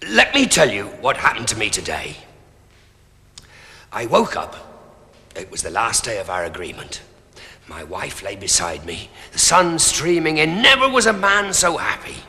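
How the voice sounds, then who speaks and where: An actor playing a storyteller who narrates his tale theatrically in a television drama, slow and hushed, sometimes dropping to a whisper. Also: medium pitch, huge pitch swings, slightly rough, long reverb tail, heavily acted. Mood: grave. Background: music.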